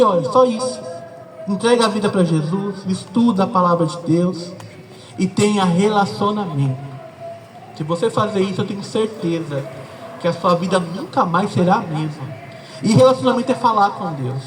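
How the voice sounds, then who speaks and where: A man's voice: high voice, expressive, normal speed, far from the mic, background noise. A Brazilian man preaching a sermon as pastor, talking conversationally and emphatically straight to his listeners. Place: church service with a congregation.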